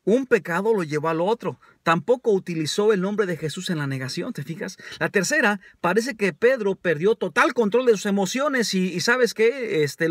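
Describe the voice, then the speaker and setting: A man preaching a conversational sermon in Spanish, calling his listeners brothers and often pausing with hesitations. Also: high-pitched, fairly bright tone, no echo, clean studio sound. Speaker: pastor.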